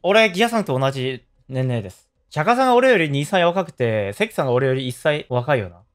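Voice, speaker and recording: Lively man streaming games. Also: mid-range voice, brisk. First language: Korean. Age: 30s. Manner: joking and animated, with loud yelps and laughs. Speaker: game streamer. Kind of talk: casual gaming stream chat.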